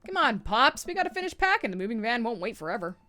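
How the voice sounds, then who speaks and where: A woman's voice: a little high, very animated, fast talker, sharp tone. A woman voicing a cheeky, playful teenage girl in a video game read-aloud, teasing and punchy. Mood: affectionate, brisk. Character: cheeky, playful teenage daughter, high-school senior.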